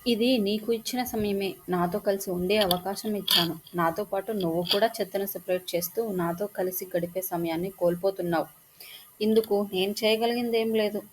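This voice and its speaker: A woman voicing a calm, kind young woman. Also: medium pitch, fairly quick, background noise, natural voice.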